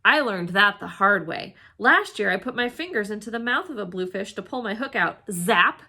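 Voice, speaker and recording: A woman reads a children's storybook aloud with drama and expression, punctuating it with emphatic exclamations and hushed moments of suspense. Her pitch is medium and her pace moderate.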